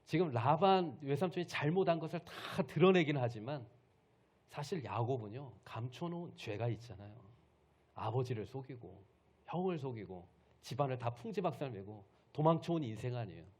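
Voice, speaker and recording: A male pastor delivering a Sunday sermon in a storytelling manner. His pitch moves animatedly from high to low as he tells the story, and he keeps turning to the congregation with questions. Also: expressive, moderate pace, darkish tone.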